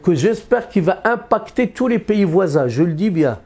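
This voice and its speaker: Speaking unscripted as an economist, a man of Berber descent who grew up in Algeria comes across as earnest yet hesitant, restarting often and leaning on fillers. The voice is high and husky with a darkish tone and large pitch movement.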